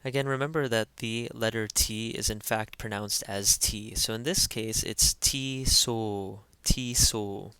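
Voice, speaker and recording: A man teaching pronunciation in an instructional voice-over, carefully spelling out each sound and repeating every word slowly. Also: fairly low pitch, little pitch movement, bright, forceful tone, smooth, no echo. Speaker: language teacher.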